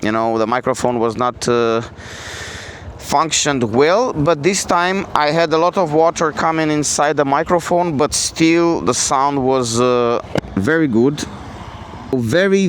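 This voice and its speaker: Halting non-native male reviewer, higher-pitched voice. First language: not English. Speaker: product reviewer. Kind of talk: casual spoken product review. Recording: clear outdoor traffic and vehicle noise.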